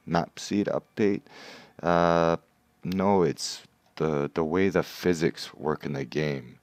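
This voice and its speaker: Very deep-voiced man streaming a game. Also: slow pace, no room sound. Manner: chatty, explains game mechanics step by step. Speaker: livestream host. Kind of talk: casual gameplay commentary.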